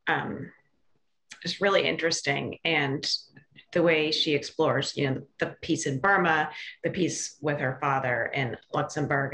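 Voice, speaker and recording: A woman's voice: deep voice, a bit bright. A woman hosting a library book discussion over a video call, chatting casually with hesitant fillers. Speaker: library tech, discussion host. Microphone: webcam on video call.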